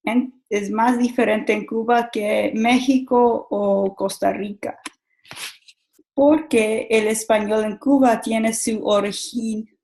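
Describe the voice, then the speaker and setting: Slow, halting woman giving a class talk. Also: fairly high pitch, steady tone, a little mellow, poor audio. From Mexico. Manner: halting, many restarts and repeated words. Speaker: student giving a class presentation. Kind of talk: school presentation.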